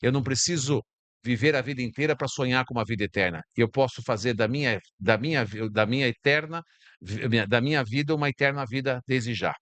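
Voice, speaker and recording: A man from Brazil speaks as a podcast guest in a calm, reflective way. He repeats words as he searches for the next thought. His voice sits at an ordinary pitch and sounds close and dry. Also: a little fast, no echo. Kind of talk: casual chat. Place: stage of a bar.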